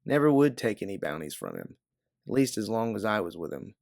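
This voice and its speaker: Voicing a guarded, hardened female bounty hunter in a science fiction audiobook, a man speaks fairly quickly in a lowish, slightly mellow voice with vocal fry and big swings in pitch. His delivery of the character's lines is bitter and matter-of-fact, captured in a clean, dry studio recording.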